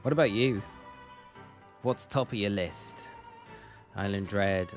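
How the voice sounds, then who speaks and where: A young man from Northumberland, England chats loosely with his viewers at a slow pace, often correcting himself mid-sentence. His lowish voice rambles in an easy live-stream style, with faint music underneath.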